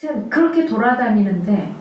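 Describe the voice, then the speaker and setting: A woman's voice: on the high side, very animated, brisk, slight background noise. A woman pastor from Suncheon, in the south of Korea, giving a sermon in an earnest, conversational way and often putting rhetorical questions to the congregation. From South Korea, Suncheon in Jeolla. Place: church sanctuary. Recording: echoey, distant, dull church recording.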